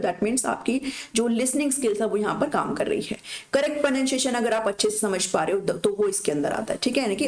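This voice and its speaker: A woman teaches an exam-prep class in a somewhat high voice. She explains each point in Hindi, reads out short English phrases and keeps checking that her students follow. The sound carries a noticeable room echo. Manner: explains in Hindi with read-out English lines, frequent "ठीक है" check-ins.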